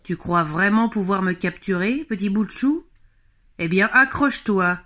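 Une femme qui fait la voix d'un gros bison mâle bienveillant et amusé, à la grosse voix, sur fond de musique. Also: female voice, mid-range voice, moderate pace, pushed and bright, lightly acted. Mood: amused. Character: big, good-natured male bison with a deep voice. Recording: music playing behind.

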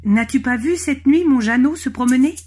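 A woman's voice: sits high, normal speed, dark tone, slightly rough, soft background music, voice pushed up. A woman voicing an anxious, loving mother rabbit in a storybook, searching for her lost little one. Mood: pleading. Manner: anxious, pleading.

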